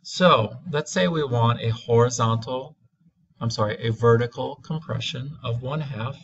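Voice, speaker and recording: Slow deliberate male math teacher. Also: medium pitch, gravelly, husky, dull audio. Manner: slow, deliberate, stretching key words. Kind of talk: classroom math lesson.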